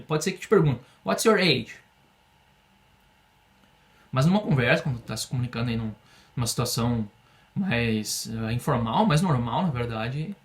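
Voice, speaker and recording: A man from Brazil teaching an online English lesson, patiently explaining and slowing down to model phrases for students. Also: medium pitch.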